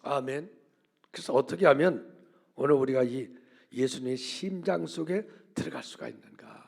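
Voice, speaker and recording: A man in his seventies, a senior pastor giving a Sunday sermon, swinging between loud emphatic preaching and hushed whispers and putting folksy questions to the congregation. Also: medium pitch, normal speed, creaky. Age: 70s.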